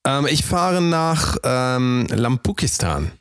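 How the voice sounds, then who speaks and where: A man's voice: medium pitch, big pitch swings, slow, fairly bright tone, clean tone, no room sound, clean studio sound. A man co-hosting a podcast in joking, casual chat, with playful mock-announcer flourishes. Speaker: podcast co-host.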